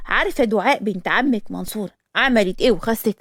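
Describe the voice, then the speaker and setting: A woman voicing a plump, dreamy young Egyptian woman in an animated storybook, whiny and scheming. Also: mid-range voice, quick pace, no echo, clean studio sound, natural voice.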